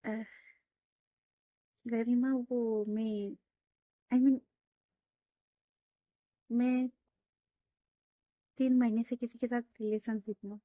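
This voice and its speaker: A woman voicing a shy, innocent young woman who talks in halting starts as she reads a story aloud. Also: a little high, no echo. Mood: hesitant. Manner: hesitant, halting.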